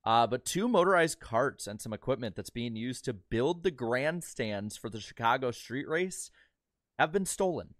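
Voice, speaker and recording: A man's voice: mid-range voice, lively intonation, moderate pace, hardly any pauses, fairly bright tone, no echo, clean studio sound. A man co-hosting a motorsport podcast, reading news items in a loose, joking way with lots of fillers. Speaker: podcast co-host. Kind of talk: casual podcast chat.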